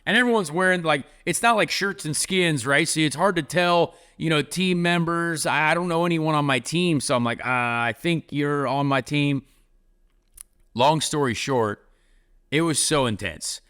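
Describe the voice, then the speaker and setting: A man's voice: a little high, moderate pace, pushed and bright, smooth. A man hosting a podcast, telling a long casual story with lots of "like" fillers. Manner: rambling, heavy use of "like". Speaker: podcast host.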